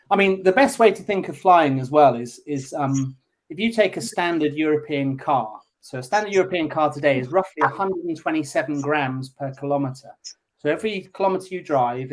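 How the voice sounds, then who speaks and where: Earnest man with a slightly high voice. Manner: earnest, explains with facts and figures. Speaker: panellist. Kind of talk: casual explanatory talk.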